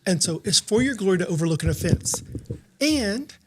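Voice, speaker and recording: Man, earnest preacher-like co-host; fairly high voice, steady conversational delivery. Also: normal speed, background noise. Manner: earnest, preacherly, cites scripture. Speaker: podcast co-host. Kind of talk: faith-based leadership discussion.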